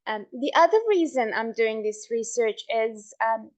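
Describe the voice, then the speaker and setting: A middle-aged woman from Hungary giving a measured academic talk on her research, with frequent ums and restarts. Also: a little high, animated. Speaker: researcher presenting her work.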